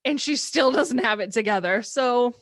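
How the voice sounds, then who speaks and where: A woman's voice: fairly high pitch, moderate pace, no echo, studio quality. A woman in her thirties hosting a podcast, talking candidly in casual chat and laughing often. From American Midwest. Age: 30s. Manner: candid and talkative, with frequent laughs. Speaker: podcast host.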